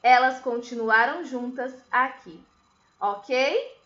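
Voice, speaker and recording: A woman teacher speaks slowly and patiently, walking her pupils through each step. Her voice sits high and bright. The sound is dull and roomy, like a home recording. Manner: patient, explains step by step with questions. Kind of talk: recorded remote class lesson.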